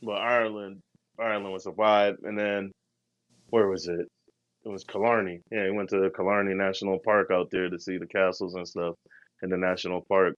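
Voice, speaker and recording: A podcast co-host with a deep voice tells travel stories in a slangy, laid-back, rambling way. His delivery is flat and brisk, and the recording is muffled with no echo.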